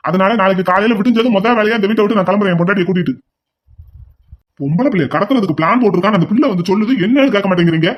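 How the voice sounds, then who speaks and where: A man's voice: sits high, rapid-fire, slight background noise, close to an everyday voice. A man voicing an angry elder son in a cartoon, lecturing his family at length. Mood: indignant. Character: indignant elder son defending his wife. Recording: dull lo-fi audio.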